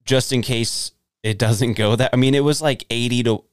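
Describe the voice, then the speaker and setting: A man's voice: medium pitch, steady tone, moderate pace, smooth, dry recording, studio quality. A man co-hosting a podcast who chats in a loose, rambling way and swears casually. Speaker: podcast co-host. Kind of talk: casual chat.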